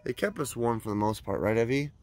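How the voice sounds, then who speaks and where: A man's voice: medium pitch, fast talker, darkish tone. A man hosting a casual vlog, sounding groggy as he chats his way around a campground and into a tent, filmed on a handheld camera. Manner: chatty and upbeat, with loose fillers. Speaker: vlogger. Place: campground, outdoors and inside a tent.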